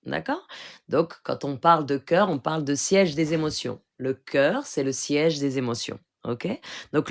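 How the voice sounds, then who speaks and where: A Moroccan woman with a low voice and vocal fry talks casually on a phone live stream as a spiritual healer. She teaches earnestly and instructively, repeatedly checking in with her listeners by asking "d'accord?".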